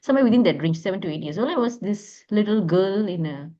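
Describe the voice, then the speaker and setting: A woman from Malaysia with a Malaysian accent, an academic guest telling her life story over a remote call in a measured, reflective way. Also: mid-range voice, lively intonation, muffled recording.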